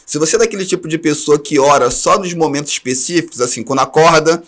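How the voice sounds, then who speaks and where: A man's voice: on the high side, quick pace, a bit bright. A man from Brazil giving an online class to teachers, with earnest advice aimed straight at his listeners. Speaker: teacher trainer.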